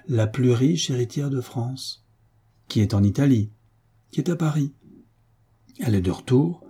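A man's voice: mid-range voice, mellow, husky, lightly acted. A man voicing an outraged old duchess. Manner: exclamatory, pleading, indignant. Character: anxious scheming aristocratic mother, a duchess.

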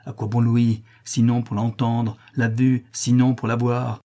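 A man voicing a delirious, tormented notary who cries out in shrill frenzy. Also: flat delivery, unhurried, warm tone. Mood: furious. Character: delirious raving male notary, tormented and feverish. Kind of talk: audiobook character reading.

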